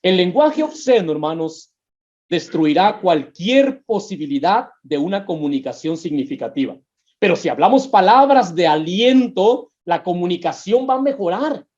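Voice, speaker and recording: A man's voice: sits high, expressive, moderate pace, darkish tone. A male pastor preaching a sermon on relationships, with emphatic rises and drops, addressing the listeners as brothers. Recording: dull muffled sound.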